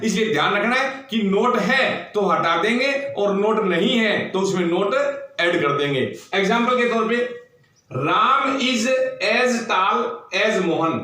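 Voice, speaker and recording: A man's voice: sits high, pushed and bright. A man teaching a grammar lesson, who explains step by step and spells words out letter by letter. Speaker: school teacher. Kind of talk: recorded classroom grammar lesson. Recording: roomy echo, far from the mic.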